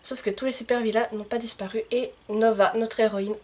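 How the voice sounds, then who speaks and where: A woman's voice: on the high side, fairly even intonation, fairly quick, a little mellow. A woman book vlogger talking casually to the camera, presenting books with many fillers and self-corrections. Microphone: camcorder microphone.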